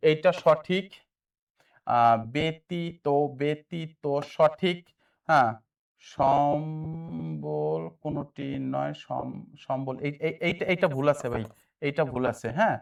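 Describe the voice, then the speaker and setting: A man, high-pitched, teaching an exam prep lesson and quizzing his students again and again. He sits a little back from the mic, so his voice sounds slightly distant. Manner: repeats answers, quizzes listeners often.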